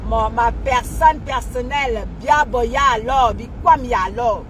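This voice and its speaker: A woman hosts a casual live stream, greeting her viewers one by one in a playful, chatty way. She speaks slowly and unhurriedly. Road traffic hums clearly behind her voice outdoors. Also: on the high side. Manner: playful, chatty, repeats greetings, laughs often.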